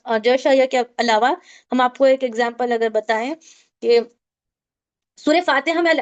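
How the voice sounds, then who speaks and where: A woman with a high voice runs an online recitation class. She works through pronunciation rules step by step and keeps asking her students for answers. Her voice comes through a video call. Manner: explanatory, asks students questions. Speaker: tajweed teacher.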